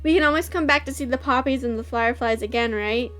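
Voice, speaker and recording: A woman voicing a gentle young adult man, soft and earnest, while reading a visual novel aloud. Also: on the high side, fast talker, faint music behind, close to an everyday voice. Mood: tender.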